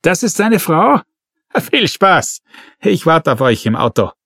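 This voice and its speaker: A man voicing a gruff, bullying male police colonel in an audiobook reading. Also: a little high, very animated, slow pace, fairly bright tone, no room sound, clean studio sound, pitched above the performer's own voice, heavily acted. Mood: barking.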